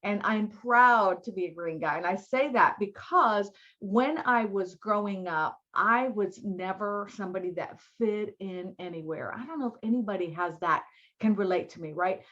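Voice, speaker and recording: A woman's voice: medium pitch, normal speed, a bit bright, dull audio. A woman with a Southern American accent, born in New York City and raised in Miami, giving a live online diversity training in a chatty, folksy way that speaks straight to her audience.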